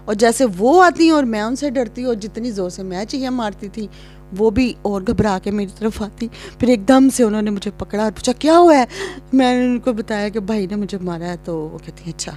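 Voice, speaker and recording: Vlogger, woman from Pakistan, warm mellow voice, chatty storyteller, faint music under. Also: mid-range voice. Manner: chatty, reenacts scenes with rising excitement. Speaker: vlogger telling a childhood story. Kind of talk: casual storytelling to camera.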